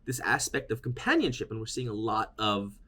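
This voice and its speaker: A man's voice: fairly low pitch, big pitch swings, fairly quick, pushed and bright. Man giving a rambling keynote. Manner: informal, meandering, many restarts. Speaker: keynote speaker. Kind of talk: conference keynote.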